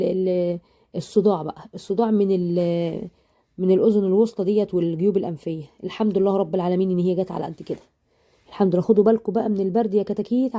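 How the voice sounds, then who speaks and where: A woman with an Egyptian accent, still a little hoarse from illness, chatting affectionately while teaching a baking tutorial. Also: medium pitch, warm tone. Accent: Egyptian Arabic. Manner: chatty and affectionate, rambling asides. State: hoarse after sinus illness. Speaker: baking channel host. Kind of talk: casual cooking tutorial.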